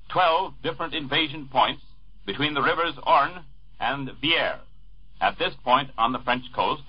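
Husky newscaster on an old 1940s radio broadcast. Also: male voice, mid-range voice. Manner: formal, measured news reading. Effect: old 1940s radio broadcast recording. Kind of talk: 1940s radio news bulletin. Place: network radio studio. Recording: dull lo-fi 1940s radio archive.

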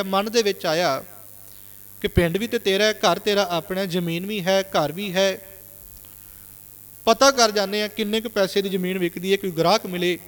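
High-voiced male preacher telling a story. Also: a bit bright, long reverb tail. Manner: earnest, repeatedly inserting "he said". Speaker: Sikh preacher. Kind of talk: storytelling sermon.

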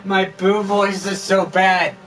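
A woman's voice: mid-range voice, level tone, slow pace, distant mic, a little hiss or hum. A woman streaming a game and commenting as she plays, grumbling and swearing, her voice sore from straining. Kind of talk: gameplay livestream commentary.

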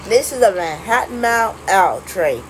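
A woman making recorded subway train announcements, stop by stop in a flat, measured announcer delivery. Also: mid-range voice, noisy background.

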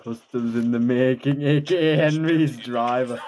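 A man's voice: medium pitch, fairly even intonation, a little slow, a little mellow, faint music behind. A man chatting casually and playfully, teasing a friend as he records him. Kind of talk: casual chat.

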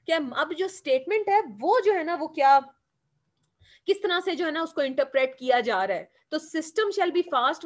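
High-voiced Pakistani Urdu woman lecturing. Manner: explanatory, asks the class questions and answers them; mixes English terms into Urdu. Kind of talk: classroom lecture.

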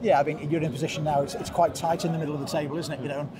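A man's voice: on the high side, little pitch movement, very fast, over a noisy crowd. A man interviewing a player after a match for the club, asking leading questions filled with "you know".

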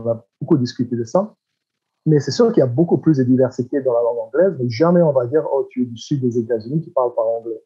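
Dark husky Louisiana French man. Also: medium pitch, lo-fi sound. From Louisiana, USA. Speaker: panelist. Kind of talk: panel discussion.

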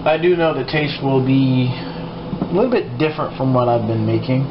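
A man's voice: medium pitch, normal speed. A man casually talking through a cooking vlog in his home kitchen, rambling and unsure, with many fillers. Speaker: cooking vlogger. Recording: echoey, dull, noisy home-camera audio.

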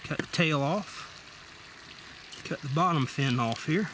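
A man's voice: on the high side, slow pace. Folksy man over pump noise. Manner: plain, folksy, step-by-step explaining while working with his hands. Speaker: outdoor survival vlogger. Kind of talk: casual how-to demonstration. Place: outdoor camp table in the woods. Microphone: camera mounted overhead. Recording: water pump noise in background.

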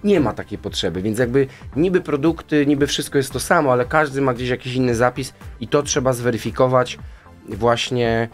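A man's voice: mid-range voice, a little fast, faint music behind. Rambling man, radio studio guest. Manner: rambling, tags statements with "nie?". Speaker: finance advisor guest. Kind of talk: radio interview answers. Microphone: studio boom mic.

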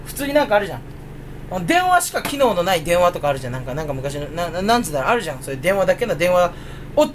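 A man records a casual unboxing chat for his channel, rambling along and answering his own jokes. His voice sits a little high and swings widely in pitch. He rattles on at a brisk clip. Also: very animated, background noise. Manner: rambling, jokey, talks to himself. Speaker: video creator.

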